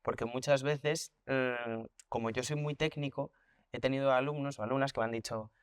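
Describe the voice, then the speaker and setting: A man's voice: mid-range voice, steady tone, moderate pace, smooth, dry recording, studio quality. A man from who teaches voice and acts, speaking reflectively in an interview and repeating words as he thinks things through. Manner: reflective, thinks aloud with restarts and repetitions; explains with hands-on examples and comparisons. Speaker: voice teacher and actor. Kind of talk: conversational interview.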